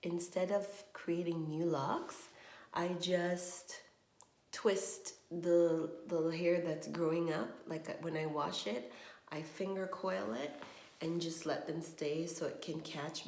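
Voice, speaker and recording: A woman's voice: low-pitched, steady tone, slow, gravelly, darkish tone. A woman vlogging on her phone from her bathroom, rambling in a frustrated, trailing way. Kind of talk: casual vlog monologue. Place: home bathroom. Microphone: phone camera. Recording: echoey bathroom phone recording.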